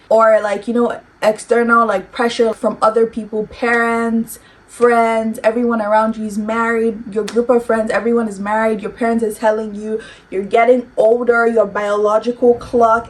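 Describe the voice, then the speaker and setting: A woman's voice: on the high side, a little mellow. A young woman chatting casually on her vlog, giving advice and checking in with "okay?" often. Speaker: vlogger. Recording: distant mic with faint room noise.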